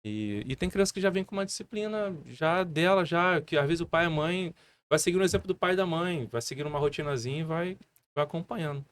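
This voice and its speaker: Animated Brazilian man telling stories. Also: on the high side, fast talker. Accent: Brazilian Portuguese. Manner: animated storytelling with many fillers. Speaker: guest martial arts instructor. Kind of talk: casual podcast conversation.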